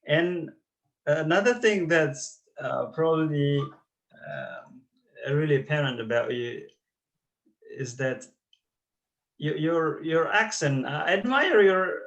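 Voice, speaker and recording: Halting man interviewer, mixed accent. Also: fairly high pitch, lively intonation, a bit bright, rough recording. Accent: mixed American and Australian. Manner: halting, many "um" and "uh". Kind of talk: casual interview.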